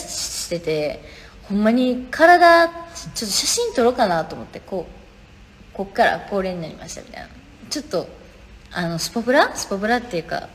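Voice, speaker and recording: A young woman with a Kansai accent hosting a live stream from her phone, reading viewer comments aloud and answering them in a chatty, casual way. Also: medium pitch. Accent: Kansai Japanese. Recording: reverberant room, faint background noise.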